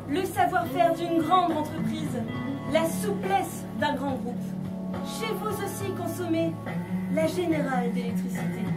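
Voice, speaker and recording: Brief: woman as an exasperated, loud veteran stage actor, very high voice, echoey room. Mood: announcing. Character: harried female stage actor, fed up. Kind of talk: live stage comedy. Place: theatre stage. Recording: echoey hall from far off, with music.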